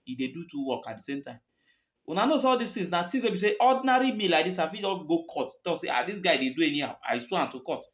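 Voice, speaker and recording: A man with a Nigerian accent speaking Nigerian Pidgin in an impassioned, emphatic political monologue, repeating phrases for stress. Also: fairly high pitch. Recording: dull, lo-fi recording.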